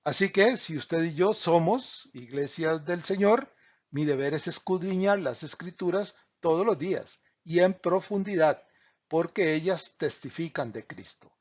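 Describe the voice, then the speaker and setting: A man's voice: a little high, unhurried. A man teaching a Bible study, reading scripture passages aloud and explaining them, with small slips that he corrects as he goes. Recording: dull lo-fi recording.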